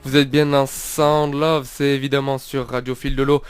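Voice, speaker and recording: A man's voice: mid-range voice, flat delivery, moderate pace, smooth, soft background music. A man hosting a radio show from a studio, talking through a blocked nose from a cold, with hesitant restarts and frequent chuckles. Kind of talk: casual radio chat.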